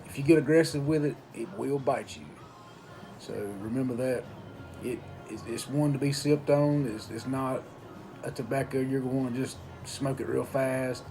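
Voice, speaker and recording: A man giving a casual review in an unhurried, folksy way, pausing between short phrases. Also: mid-range voice, fairly even intonation, faint music behind. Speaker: pipe tobacco reviewer. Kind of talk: casual product review talk.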